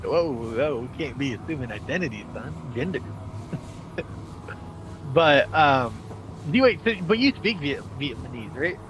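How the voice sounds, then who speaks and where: Streaming from a noisy outdoor street, a young man jokes and teases in casual chat, laughing a lot and restarting words. His mid-range voice is expressive, his pace measured, with long pauses.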